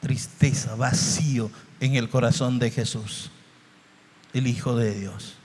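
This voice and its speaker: A man from Bolivia preaching a sermon slowly and emotionally, with dramatic shifts in his voice. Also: medium pitch, fairly even intonation, a little mellow. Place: church hall. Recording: reverberant hall.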